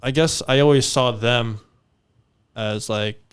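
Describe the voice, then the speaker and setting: A man's voice: mid-range voice, takes it slowly, clean tone. A young man in casual podcast chat, talking hesitantly with many fillers.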